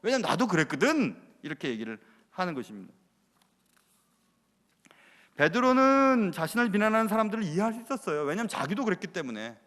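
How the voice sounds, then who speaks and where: Animated pastor preaching in a reverberant church. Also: male voice, high-pitched, a little fast, long pauses. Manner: conversational, confessional preaching with rhetorical questions. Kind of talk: sermon. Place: church sanctuary.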